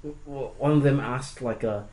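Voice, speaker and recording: A man's voice: medium pitch, moderate pace, darkish tone. A man, a podcast guest who makes costumes, telling stories casually with many "like"s. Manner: storytelling, many "like"s, laughs at himself. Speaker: guest, costume and prop maker. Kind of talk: casual chat.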